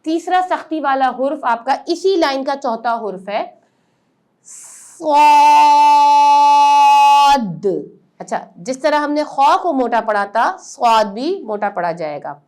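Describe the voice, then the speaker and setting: Teaching Quran letter pronunciation step by step, a woman speaks in a very animated voice that sits high. She patiently explains first, then pronounces every letter sound slowly and loudly, drawing it out.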